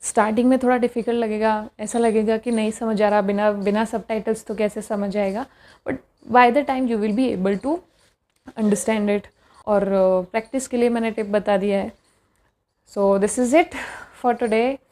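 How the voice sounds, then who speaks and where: A young woman giving casual spoken study advice to her viewers, pausing often to gather her thoughts. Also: medium pitch, fairly even intonation, darkish tone. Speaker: test-prep tips vlogger.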